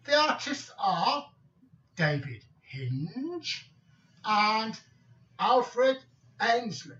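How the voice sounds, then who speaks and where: A man presents artwork slowly and deliberately, with a bright, lively pitch that rises and falls a lot. He seems set back from the mic, and the recording sounds a little dull. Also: recorded from a distance. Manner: slow, deliberate, pun-telling. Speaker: presenter of art videos. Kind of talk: joke-filled video presentation.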